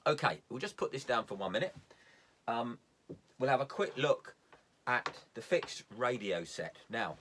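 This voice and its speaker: A sailing instructor gives an informal, hands-on lesson, explaining plainly step by step and repeating key points for emphasis. His mid-range voice is very animated, a little slow and fairly bright, with slight background noise.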